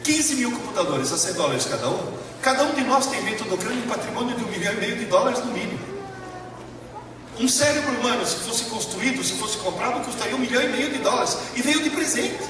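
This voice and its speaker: Background crowd sounds fill a large, echoey lecture hall where a high-voiced professor from Italy, Italian being his first language, gives a motivational educational talk to a live audience. He's animated and emphatic, with dramatic pauses and repetition, captured on a distant mic amid the noise.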